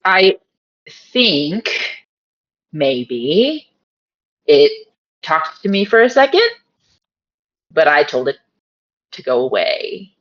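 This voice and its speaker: A woman's voice: deep voice, big pitch swings, very slow, long pauses, muffled recording, exaggerated voice. A woman voicing her character, a young woman thief, speaking hesitantly and earnestly. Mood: uneasy. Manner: hesitant, stumbling.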